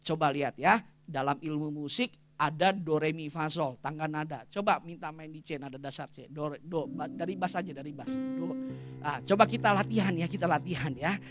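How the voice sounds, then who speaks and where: Energetic male preacher. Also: fairly high pitch, brisk, faint music behind. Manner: energetic, jokes and leads call-and-response with congregation. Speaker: pastor. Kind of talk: lively humorous sermon. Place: church service.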